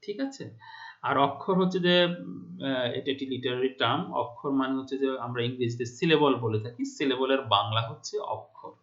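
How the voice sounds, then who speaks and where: A man's voice: medium pitch, fairly quick, fairly bright tone, lo-fi sound. A man from Bangladesh, a Bengali teacher, giving a classroom lecture and often stopping to check that his students follow.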